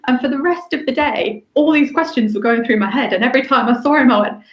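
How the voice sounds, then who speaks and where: A woman, co-hosting a podcast and telling a lively anecdote in casual chat. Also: high voice, fast talker, echoey room, poor audio. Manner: lively anecdotal storytelling with laughs. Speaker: podcast co-host.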